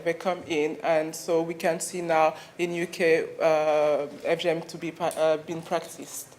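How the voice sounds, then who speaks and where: A woman from Mali with a French accent gives an earnest conference presentation, pausing often as she searches for her words. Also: lowish voice, a little mellow. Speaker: conference speaker. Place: university conference room.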